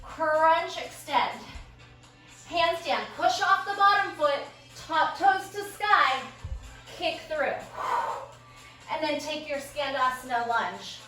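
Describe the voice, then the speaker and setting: A woman's voice: sits high, lively intonation, slow, sharp tone. A woman fitness instructor calling out short, upbeat exercise cues while out of breath, working in a small space. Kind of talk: cueing a workout class. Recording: echoey room, distant mic, background music.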